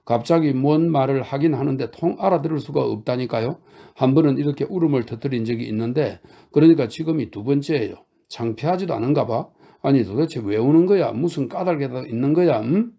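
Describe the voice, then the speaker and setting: A man reading a novel aloud, voicing a fiery, jealous young woman who scolds and coaxes in a raised, gravelly voice. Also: mid-range voice, fairly quick, mellow, voice pushed up. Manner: scolding, coaxing, insistent. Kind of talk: audiobook character reading.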